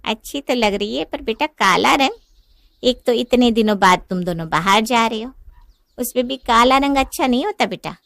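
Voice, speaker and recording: A woman playing a meddling, tradition-minded older aunt-in-law who coaxes gently. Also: a little high, animated, moderate pace, gravelly, dry recording, clean studio sound. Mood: coaxing.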